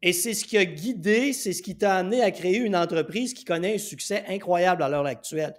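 A man's voice: sits high, brisk. A man with a Québécois accent hosting a podcast, chatty and enthusiastic, telling anecdotes with frequent fillers. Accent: Québécois French. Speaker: podcast host. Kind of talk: casual podcast interview.

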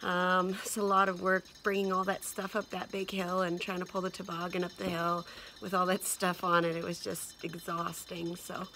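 A woman in her forties chatting casually to camera from inside a heated canvas tent, relaxed and rambling with lots of ums. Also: lowish voice, moderate pace, slight background noise. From Canada. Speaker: camping vlogger. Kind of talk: casual vlog chat. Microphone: camera at arm's length and on a stand.

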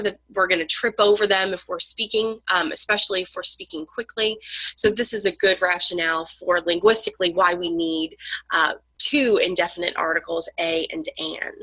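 A woman's voice: mid-range voice, pushed and bright, dry recording, poor audio. A woman lecturing on grammar, explaining patiently with frequent ums and sounding out letters.

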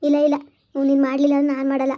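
A woman's voice: high voice, monotone, racing, muffled recording, pitched below the performer's own voice, natural voice. A woman acting as a devoted young wife, coaxing and pleading with her sad husband.

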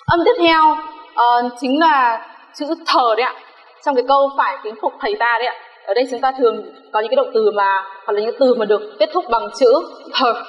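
A woman English teacher giving a recorded pronunciation lesson, speaking slowly and carefully and repeating each example word for drill. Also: a little high, lo-fi sound. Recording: echoey room with long reverb.

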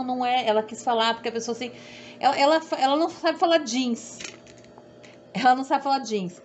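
A middle-aged woman with a southern Brazilian accent, rambling and repeating herself in a chatty sewing tutorial. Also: high-pitched. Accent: southern Brazilian Portuguese. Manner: rambling, repetitive, self-deprecating. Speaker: sewing instructor. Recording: dull audio with faint background hum.

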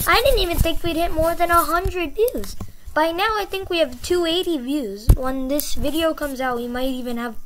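A woman's voice: high voice, a bit bright, slight background noise. A woman hosting her own educational channel, explaining a topic in a chatty, encouraging way and repeating key words for emphasis. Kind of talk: casual explainer.

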